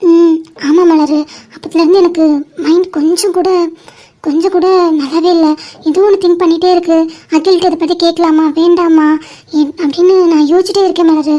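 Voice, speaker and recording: A woman voicing a lovesick young woman in an animated cartoon, speaking in a worried, hesitant way. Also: very high-pitched, brisk. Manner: worried, hesitant, tearful pleading.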